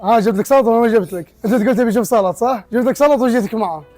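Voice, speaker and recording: A man's voice: very high-pitched, very fast, a little mellow, soft background music. A young man, hosting a casual vlog outdoors, joking and laughing often as he talks to viewers. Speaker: vlogger host.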